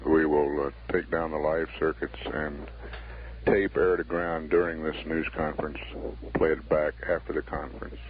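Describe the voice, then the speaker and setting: Male mission control announcer, extremely deep and monotone, deadpan factual updates on a tinny 1960s broadcast line. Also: moderate pace. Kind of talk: formal spaceflight status commentary. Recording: narrow 1960s broadcast line, faint noise.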